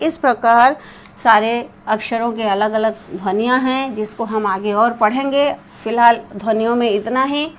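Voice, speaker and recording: Slow, high-voiced woman teacher. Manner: slow, repeats letters and sounds for emphasis. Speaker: English teacher. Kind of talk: classroom-style lesson.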